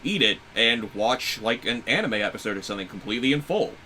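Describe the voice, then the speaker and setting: A man with a low but bright, forceful voice chats as a guest on a reaction video. He rambles, restarts his sentences and leans on fillers as he works out his point. There is a faint hiss underneath. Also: lively intonation, fast, poor audio. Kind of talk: casual chat.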